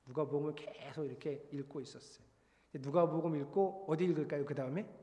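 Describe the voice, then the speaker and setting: Middle-aged man preaching, high voice, lots of feeling, church echo trailing off. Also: quick pace. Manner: animated, confessional storytelling with exclamations. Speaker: pastor. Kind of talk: sermon. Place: church sanctuary. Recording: long hall reverb.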